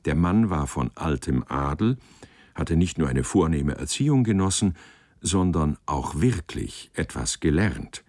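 A man narrates a literary story with measured expression. His voice is very deep and moves through a lively pitch range. The recording is dry with no room sound. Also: no room sound.

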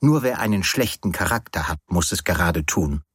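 A man's voice: low-pitched, animated, normal speed, breathy edge, no room sound, studio quality. A man voicing a playful, bossy young woman in an audiobook reading, with a teasing, insistent manner.

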